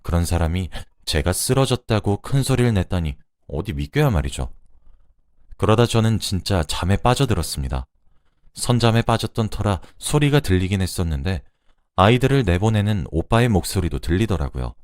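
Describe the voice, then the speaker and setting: A man's voice: low-pitched, very animated, normal speed, darkish tone, no room sound, studio quality. A man narrating a first-person life story in an earnest, confiding way.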